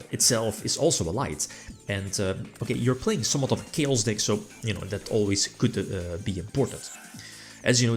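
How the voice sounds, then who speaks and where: A man giving casual, rambling commentary on his card game match, full of hesitations and restarts. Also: fairly low pitch.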